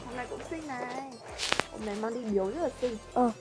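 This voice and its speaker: Young woman vlogger explaining stuff, quick talker, music under it. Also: a little high. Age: young adult. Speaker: vlog host. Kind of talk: casual explaining to viewers. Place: indoor fruit packing workroom. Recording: music behind workroom talk.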